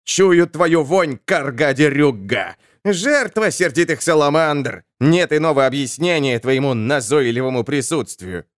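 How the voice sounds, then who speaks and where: Man playing shrieking vengeful dead sorcerer; high and dry. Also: expressive, unhurried, few pauses, dry recording. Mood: spiteful. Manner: shrill, furious.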